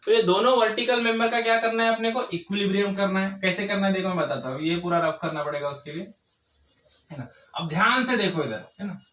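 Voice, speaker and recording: A man teaching engineering at a whiteboard, putting questions to his students and answering them himself. His voice sits high and rings bright. The room around him is echoey. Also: fast. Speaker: engineering tutor. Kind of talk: whiteboard lecture. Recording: echoey classroom.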